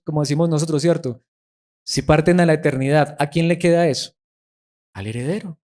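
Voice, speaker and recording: A man's voice: a little high, darkish tone. A man preaching a sermon emphatically, asking his listeners rhetorical questions and repeating words for stress.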